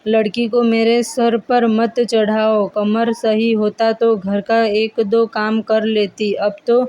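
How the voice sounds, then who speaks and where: Lady doing a nasty stepmom in a cartoon, always nagging, dark mellow voice. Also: on the high side, little pitch movement, takes it slowly, dull audio. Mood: demanding. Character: cruel scolding stepmother, middle-aged.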